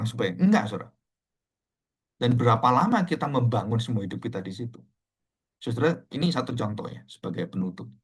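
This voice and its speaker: A man's voice: on the low side, breathy edge. A middle-aged male pastor preaching a sermon in a conversational way, often calling out to his listeners. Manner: conversational, addresses listeners as "saudara".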